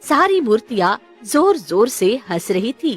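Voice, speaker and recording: A woman tells a cartoon moral story with a high, lively, swooping voice. Faint music plays behind her. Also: a little slow, slightly rough. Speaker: narrator. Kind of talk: storybook narration.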